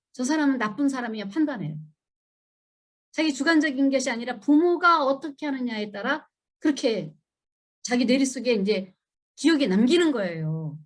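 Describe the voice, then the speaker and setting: A middle-aged woman delivers a church seminar lecture, speaking emphatically and asking the audience questions. She acts out children and parents using high voices.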